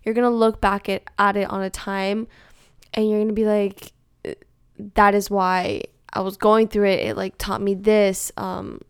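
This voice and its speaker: Talking to camera from home, a young woman vlogger drifts through a loose, rambling confessional chat full of fillers, saying "like" constantly. Her mid-range voice is strikingly smooth and crisp, level and unhurried, and the audio is completely dry with no room echo.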